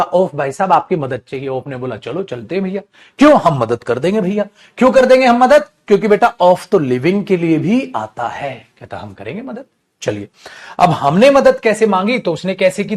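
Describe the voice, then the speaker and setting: Guy teaching english grammar online, high voice, keeps asking the class questions and answering them himself. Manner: animated, calls students "beta", asks and answers his own questions. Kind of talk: online coaching class lecture.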